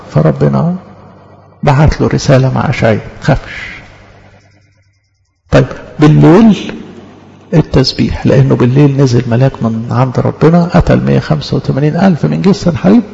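A man with an Egyptian Arabic accent preaching a sermon, reciting verses slowly and voicing heartfelt prayers. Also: medium pitch, vocal fry, mellow. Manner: slows to recite scripture, voices pleading prayers with rising emotion. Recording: dull lo-fi sound with long hall reverb.

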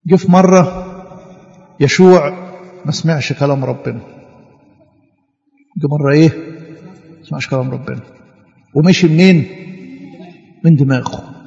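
An Egyptian man teaching a Sunday school lesson. He keeps stopping to quiz the children and has them finish his sentences. His voice is high for a man, and it sounds dull and lo-fi in a large, echoing hall. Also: moderate pace, vocal fry, pauses often, darkish tone. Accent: Egyptian Arabic. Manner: question-and-answer storytelling that leaves blanks for the listeners to fill. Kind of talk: Bible story told to children.

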